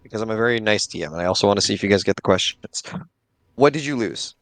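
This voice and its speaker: A man's voice: on the low side, fairly even intonation, rapid-fire, a bit bright, smooth, no room sound, poor audio. A young man running a tabletop game as game master, easygoing and joking as he coaxes his players along.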